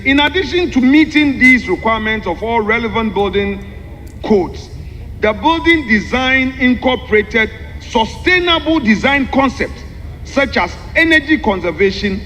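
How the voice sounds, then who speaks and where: A man delivering a formal parliamentary speech, explaining a document point by point in an emphatic, deliberate way with repeated phrases. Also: very high voice, bright, forceful tone. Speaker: member of parliament. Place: large parliamentary chamber. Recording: echoey hall with long reverb, background noise.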